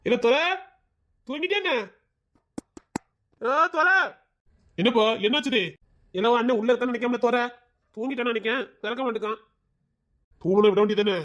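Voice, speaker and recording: A woman's voice: a little high, fairly quick, pauses often, muffled recording, lightly acted. A woman voicing a dismissive middle-aged husband who grumbles.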